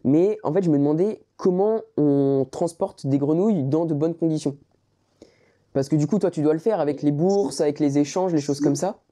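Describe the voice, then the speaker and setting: A young man from France hosts the interview and asks his questions in a halting way, searching for words. His voice is very dark and mellow. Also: a little high. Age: young adult. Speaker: interviewer and channel host. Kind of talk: casual conversational interview.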